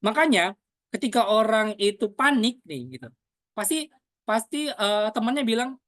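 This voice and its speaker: A woman's voice: on the high side, animated, moderate pace, no room sound. A woman teaching a public speaking lesson as a coach. She fills her phrases with "nah" and "eh", voices example lines aloud, and asks herself questions in the name of "Coach". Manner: frequent "nah" and "eh" fillers between phrases. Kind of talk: spoken training lesson.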